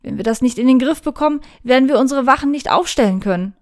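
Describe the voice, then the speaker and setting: A woman's voice: sits high, expressive, fast. Woman doing an anxious young knight, earnest, urgent, storybook reading.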